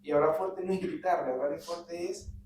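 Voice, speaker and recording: A man's voice: fairly high pitch, moderate pace, crowd noise. Father talking from far off in an echoey room. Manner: animated, acts out dialogue with his son. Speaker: Bible study participant. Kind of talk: conversational testimony. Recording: roomy, distant mic with faint hum.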